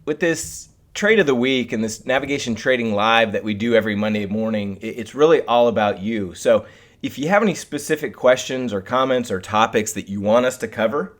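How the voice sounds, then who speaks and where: A man hosting a live instructional webcast in a casual style, addressing his viewers directly. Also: medium pitch. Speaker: host of a live trading webcast.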